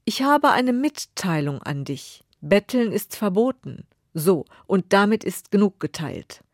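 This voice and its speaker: A woman voicing a proud, stingy, grumpy king who talks loudly and indignantly. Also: mid-range voice, lively intonation, moderate pace, no room sound, clean studio sound, natural voice. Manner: loud, indignant, blustering.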